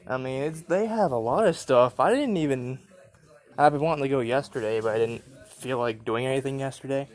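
A young man vlogging casually while walking through an antique mall, rambling, laughing often and perking up excitedly at things he spots, recorded on a handheld phone. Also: medium pitch, a little fast. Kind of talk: casual handheld shop walkthrough vlog. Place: large indoor antique mall with glass cases. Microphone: phone camera held while walking.

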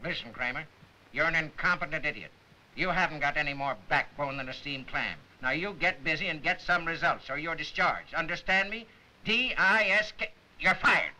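An actor playing an irascible middle-aged boss with a curt, barking manner, in 1930s film style. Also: male voice, fairly high pitch, normal speed, pushed and bright, low-quality recording. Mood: angry. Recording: hissy 1930 film soundtrack.

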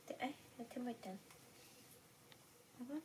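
A young woman who looks after a pet monkey sits on a bed in a small indoor room, casually coaxing her animals with repeated short words. Her voice is slightly high and a little mellow, with a steady tone and moderate pace. A camera mic set a little way off picks her up from a distance, with clear background noise.

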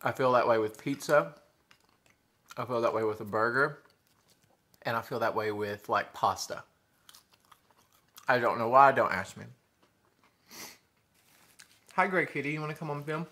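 A Southern eating-show host in his thirties speaks at medium pitch and a moderate pace, leaving long pauses, his tone bright and forward. He's chatty in this casual mukbang, saying y'all to viewers and chewing between remarks. His living room has a sofa and window blinds, and the camera sits in front at table distance.

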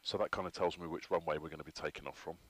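A man's voice: rumbling low, level tone, rapid-fire. A man, instructing a trainee in a flight simulator cockpit, patiently explaining each step with frequent ums. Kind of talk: hands-on instruction.

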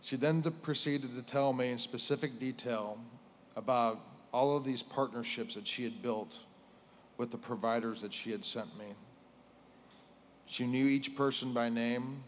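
A middle-aged American man speaks at a funeral in a medium-pitched voice. His delivery is solemn and formal, broken into short, measured phrases. He is on a lectern microphone on a stage, with some noise behind him. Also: fairly even intonation. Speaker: police chief giving a eulogy. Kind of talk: formal prepared funeral speech.

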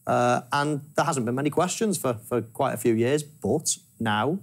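A man in his forties giving measured football analysis in a TV studio on a lapel mic. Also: mid-range voice. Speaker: football pundit. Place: large TV studio.

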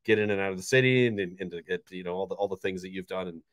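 A man in his forties who hosts a fan channel chats casually and enthusiastically after a match from a bright bedroom. His low voice comes rapid-fire with no echo, and he rambles with many restarts.

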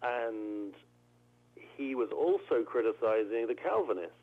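A man's voice: medium pitch, expressive, takes it slowly. British man on a tinny line. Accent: British English. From England. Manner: thoughtful, repeats words while searching for phrasing. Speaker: theologian guest. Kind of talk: interview answers. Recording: narrow phone-like audio.

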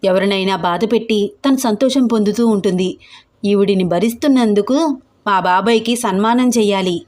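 A woman voicing a frank, lively young woman who reassures her sister-in-law. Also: medium pitch, normal speed, natural voice.

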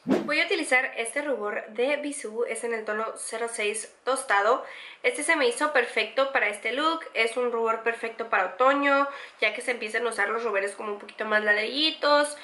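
A woman's voice: a little high, normal speed, bright, forceful tone, reverberant. A pregnant young woman walks through a makeup tutorial, chatty and enthusiastic, repeating words for emphasis. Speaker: beauty vlogger.

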